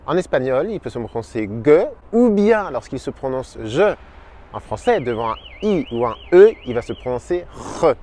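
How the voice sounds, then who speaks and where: A man giving an upbeat video lesson as a language teacher, sounding out each letter slowly and clearly. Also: medium pitch, sing-song, mellow. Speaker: Spanish teacher.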